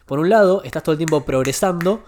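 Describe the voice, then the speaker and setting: A man's voice: fairly high pitch, quick pace, a little mellow. A young man with a Rioplatense Spanish accent, a podcast guest telling a personal story in a confessional way, repeating words for emphasis.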